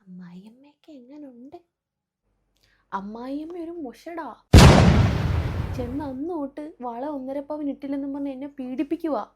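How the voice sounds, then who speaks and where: High voiced woman doing a family skit, scolding and fussing, plays all the relatives. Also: normal speed, pauses often, highs cut off, noisy background. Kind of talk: comic family skit acting.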